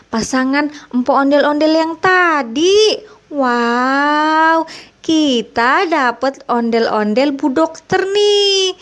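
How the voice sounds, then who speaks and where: A woman with a very high voice hosts for small children at an unhurried, stretched-out pace. She is playful and full of exclamations, in the manner of a kids' party magician. She speaks straight to her young viewers as friends. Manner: addresses young viewers as friends, frequent wows. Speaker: children's toy video host.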